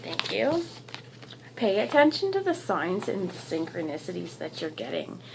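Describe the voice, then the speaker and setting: A woman giving a channelled tarot reading in a gentle, encouraging, rambling way, losing her voice. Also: lowish voice, sing-song, moderate pace, vocal fry, noisy background. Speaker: tarot reader.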